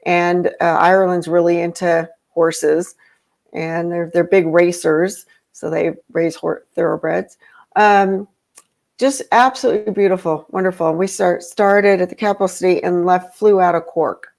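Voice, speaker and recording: A woman's voice: fairly low pitch, fairly even intonation, measured pace, gravelly, a little mellow. A woman talking casually as a podcast guest, rambling with lots of fillers and restarts. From grew up in Europe. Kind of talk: casual conversation.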